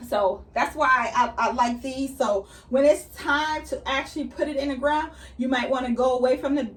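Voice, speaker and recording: A woman's voice: high-pitched, moderate pace. A woman chatting casually as she explains each step of her gardening work. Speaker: gardening vlogger. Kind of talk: casual how-to chat while working. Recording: slightly distant mic.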